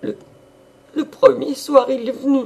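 Brief: reader doing a high-voiced, sobbing young servant girl, stammering, classic-novel audiobook. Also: fairly even intonation, vocal fry, warm tone. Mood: sobbing confession. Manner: stammering, halting confession.

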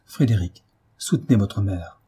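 A man's voice: on the low side, unhurried, warm tone, husky. A man reading a grave, urgent doctor. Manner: earnest, urgent, persuasive. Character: grave, caring middle-aged male doctor. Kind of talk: audiobook reading.

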